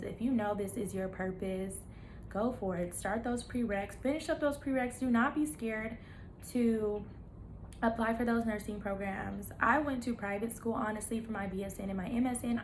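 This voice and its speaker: A nurse practitioner vlogger in her thirties chats straight to camera in an easy, casual way, encouraging her viewers with playful asides and laughing between thoughts. Her medium-pitched voice sits in a middle register. A faint room hum is audible behind her.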